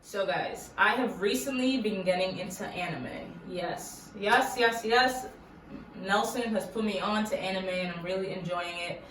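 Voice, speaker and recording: Young woman from Massachusetts, giggly chatty vlogger, mid pitch, echoey room, mic a step away. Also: normal speed. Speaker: YouTuber. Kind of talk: casual Q&A vlog. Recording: echoey room, mic at a distance, faint hiss.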